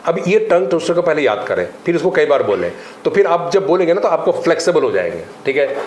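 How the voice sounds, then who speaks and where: A man's voice: a little high, quick pace. A man, a spoken English teacher, talking emphatically in a podcast interview. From India. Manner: animated, emphatic teaching, mixes Hindi with English phrases and drills. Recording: echoey room with faint ambient noise.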